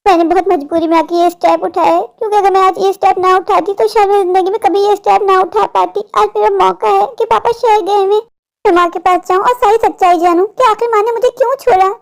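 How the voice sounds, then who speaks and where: A woman's voice: very high-pitched, steady tone, quick pace, gravelly. A woman voicing a determined little girl who earnestly searches for her mother and keeps talking to herself, in a cartoon story. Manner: earnest, pleading, talks to herself.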